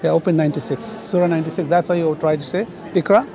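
Hombre insistente de voz aguda. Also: male voice, on the high side, fairly even intonation, rapid-fire, crowd noise. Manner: insistent, interrupting, challenging. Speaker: street preacher at a debate booth. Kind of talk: heated street debate. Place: outdoor park plaza.

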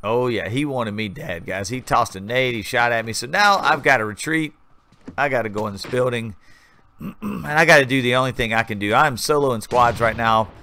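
This is a gaming channel host doing relaxed commentary over his footage, rambling along in a chatty play-by-play. His medium-pitched voice has a sharp tone and moves at a normal speed.

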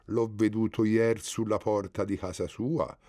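A man voicing a sly, lame male fox who flatters in a falsely polite way. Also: fairly low pitch, unhurried, dry recording. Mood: honeyed sly.

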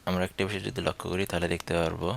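A man teaching a language lesson, slow and deliberate, repeating each example phrase aloud several times. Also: sits low, little pitch movement, creaky, a little hiss or hum.

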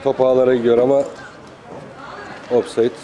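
A man's voice: medium pitch, flat delivery, moderate pace. A man giving live football play-by-play in clipped phrases, calling out player names. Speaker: football commentator. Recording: crowd noise, outdoor amateur match. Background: outdoor crowd.

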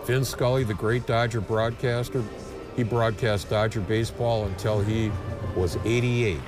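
A man's voice: lowish voice, steady tone, measured pace, loud music behind the voice. A man in his seventies giving interview answers as a professional caller, repeating words for emphasis. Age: 70s. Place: large bingo hall, indoors.

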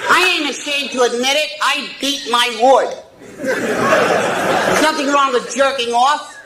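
A man voicing a brash, foul-mouthed, cocky male ventriloquist dummy in a squeaky, strained voice, heckling and wisecracking in a stand-up routine. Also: measured pace, a loud crowd. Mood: cocky, lewd. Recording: noisy, echoey live comedy club stage.

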